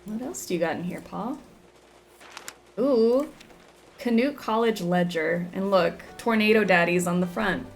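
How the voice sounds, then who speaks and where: A woman's voice: mid-range voice, measured pace, creaky, soft background music. A woman giving playful, casual game commentary and reading on-screen text aloud. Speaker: game streamer.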